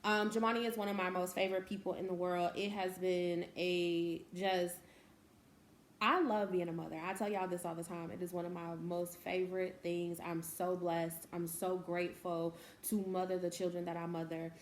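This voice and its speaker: A woman's voice: on the low side, level tone, moderate pace. A woman host and mother talking in a heartfelt, emotional way, often laughing. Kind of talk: emotional casual talk. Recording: echoey room, faint noise.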